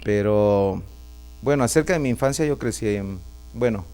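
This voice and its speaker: A middle-aged man with a Guatemalan Spanish accent, a pastor telling his life story in a relaxed interview and often tagging his sentences with a questioning "right?". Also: lowish voice, moderate pace, clean tone. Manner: chatty, often tags lines with a questioning "right?". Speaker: pastor and prophet, interview guest.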